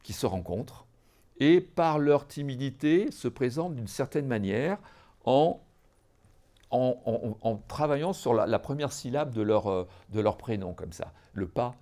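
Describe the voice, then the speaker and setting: A man's voice: mid-range voice, expressive, a little slow, dark tone. A man giving a podcast lecture on music history, explaining in a teacherly way to listeners, with many hesitations, fillers and restarts. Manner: addresses listeners directly, teacherly.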